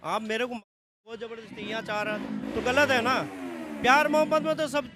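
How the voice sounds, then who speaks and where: A man answering a street interviewer in a relaxed way, repeating again and again that nothing troubles him. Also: very high-pitched, moderate pace, music in the background. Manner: easygoing, insistently repeats that there is no problem.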